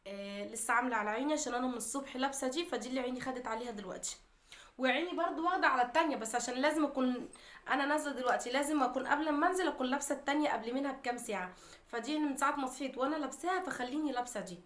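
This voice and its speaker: A woman with an Egyptian Arabic accent chats to her viewers in a relaxed daily vlog. Her voice is bright and a touch high. She rattles along at a quick pace. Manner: chatty, talks straight to viewers. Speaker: vlogger.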